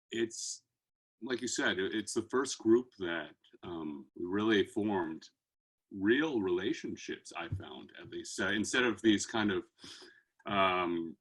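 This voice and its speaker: A very low-pitched man in his thirties with a bright, forward tone. He speaks earnestly on a video call, pausing often with fillers as he gathers his thoughts. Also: breathy edge, poor audio. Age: 30s. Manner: earnest, hesitant, many fillers. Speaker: guest singer. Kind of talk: casual video-call chat.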